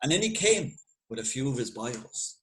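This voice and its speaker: A man with an Irish accent telling a folk tale in a lively, conversational way with dramatic pauses. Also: medium pitch, poor audio. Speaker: storyteller. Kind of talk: spoken folk tale narration.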